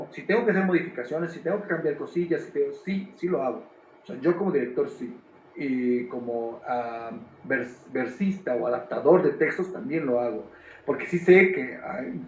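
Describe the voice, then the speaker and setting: Male director, fairly high voice, searching explainer, reverberant room. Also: slight background noise. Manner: thoughtful, restarts often while explaining. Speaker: theater director and adapter. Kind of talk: explaining in a talk. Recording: echoey room.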